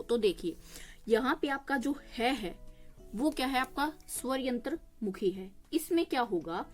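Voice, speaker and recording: A young woman teaching exam-prep grammar, explaining patiently, asking and answering her own questions and slowly sounding out each consonant. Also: a little high.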